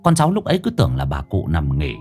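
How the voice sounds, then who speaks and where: A man narrating a ghost story in a dramatic, expressive reading. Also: very deep voice, fast, husky, soft background music. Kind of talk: scripted horror narration.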